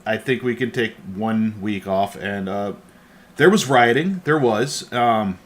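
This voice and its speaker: A man's voice: fairly low pitch, slow, a little hiss or hum. Laughing, rambling podcast host guy. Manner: laughs often, rambling, self-deprecating. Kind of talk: casual podcast banter. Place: home studio.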